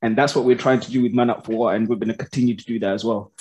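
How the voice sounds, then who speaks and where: A man's voice: mid-range voice, steady tone, very fast, darkish tone. A man, an upbeat and chatty host giving thanks at the close of a live panel. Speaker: podcast host. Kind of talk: closing remarks at a live panel. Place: community studio with live audience.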